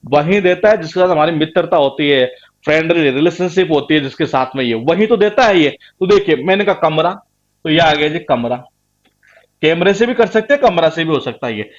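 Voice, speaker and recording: A man's voice: fairly high pitch, lively intonation, brisk. A man teaching vocabulary in an online class, who asks rhetorical questions and keeps tagging lines with a filler word. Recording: dull lo-fi sound.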